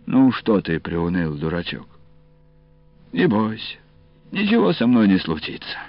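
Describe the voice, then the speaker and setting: A man voicing a gruff, mocking, warm-hearted old uncle in an audiobook, talking in slow sardonic banter. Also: on the low side, very animated, no echo. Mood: gruff teasing. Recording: dull dry studio audio, faint music.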